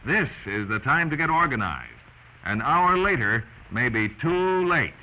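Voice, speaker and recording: An American narrator in a 1940s instructional film addresses the listener head-on, emphatic and instructive. His mid-range voice is sing-song and unhurried, coming through a muffled, noisy film soundtrack.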